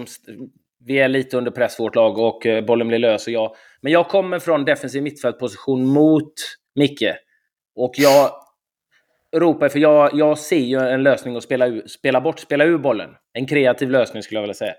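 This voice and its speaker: Man telling an animated football story. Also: medium pitch. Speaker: podcast co-host, former footballer. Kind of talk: casual anecdote telling.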